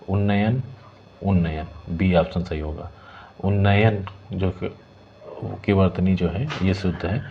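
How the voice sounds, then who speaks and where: A low-voiced man walks through exam questions as a tutor, repeating each corrected word slowly. The recording is dull and lo-fi, with a faint hiss underneath. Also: darkish tone. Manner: repeats words slowly, adds "ठीक है" checks. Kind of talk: explaining exam questions, partly reading options.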